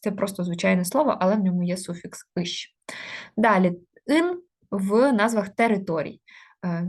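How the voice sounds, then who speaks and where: A woman teaching an online grammar lesson. She explains step by step with many hesitation fillers and slows down to spell out example words. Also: medium pitch.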